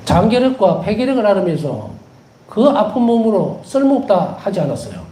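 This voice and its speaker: Animated Korean priest, roomy echo. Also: male voice, high-pitched, moderate pace. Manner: animated, repeats key words for emphasis; tells anecdotes with gentle humor. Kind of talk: devotional lecture.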